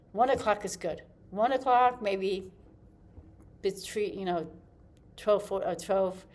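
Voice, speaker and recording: A woman's voice: medium pitch, darkish tone. A woman giving a casual acting lesson to camera, chatty and loose, often restarting her sentences as she demonstrates. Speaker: acting teacher.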